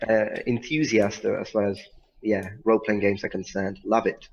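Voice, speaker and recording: A man's voice: lowish voice, level tone, normal speed, creaky, highs cut off. Man, guest on a stream. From Italy. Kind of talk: casual live stream chat.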